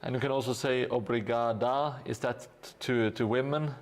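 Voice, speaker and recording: While painting on a live stream, a man chats casually and thanks his viewers. His medium-pitched voice moves at normal speed, relaxed and hesitant, with lots of fillers.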